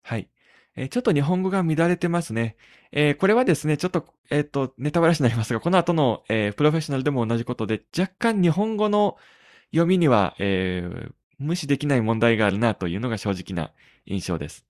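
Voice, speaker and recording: Halting man hosting a tech podcast. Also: medium pitch, very animated, darkish tone, no echo, studio quality. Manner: halting, many drawn-out fillers between phrases. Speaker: podcast host. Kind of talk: casual tech podcast talk.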